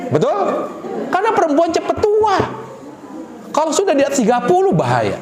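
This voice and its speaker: A man's voice: normal speed, roomy sound, crowd noise. A male preacher giving a humorous sermon to a congregation, acting out quoted lines with big jumps in voice. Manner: animated, jumps high in pitch and acts out wife and husband in quoted lines.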